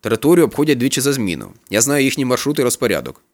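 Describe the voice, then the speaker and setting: A man reading a story, voicing a gruff male factory worker who talks in a conspiratorial, matter-of-fact way. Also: mid-range voice, very animated, racing, no room sound.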